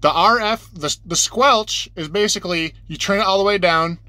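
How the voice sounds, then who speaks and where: In a high-pitched, sharp voice at a moderate pace, a man gives a casual, off-the-cuff tutorial as an instructor. He explains things plainly and step by step, repeating points for beginners, and there's no echo.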